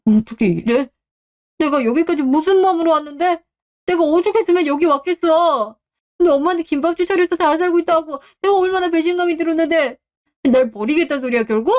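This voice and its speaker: Radio drama: a sulky, entitled middle-aged son, voiced by a woman, pitched on the high side. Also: lively intonation, moderate pace, close to an everyday voice. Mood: indignant. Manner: whiny and indignant, voice rising high. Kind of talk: Korean radio drama acting.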